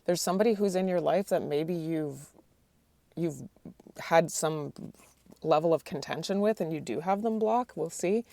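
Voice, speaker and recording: A tarot reader who is losing her voice speaks hesitantly, often restarting her sentences and asking the cards questions aloud. Her voice is lowish, creaky and dark-toned, with a slight hiss or hum in the recording.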